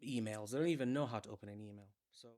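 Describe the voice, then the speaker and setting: A man's voice: fairly low pitch, rapid-fire. A man in his thirties from Malawi, talking through his career as a salesman in an easygoing, conversational interview. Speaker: guest, salesman. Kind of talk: casual interview storytelling.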